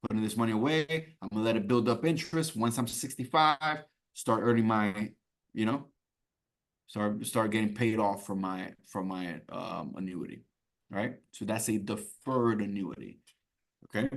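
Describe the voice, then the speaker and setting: A man's voice: fairly low pitch, normal speed. A man teaching an exam-prep class in a conversational way, often checking in with "right?" and "okay?" and repeating key points. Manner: repeats key points to drive them home. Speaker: instructor.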